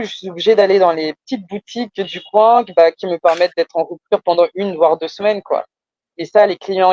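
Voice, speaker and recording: A Parisian-accented French entrepreneur, being coached, talks through her business conversationally, frequently hesitating and repeating words for emphasis. Her voice is fairly low and mellow, recorded lo-fi with no room sound.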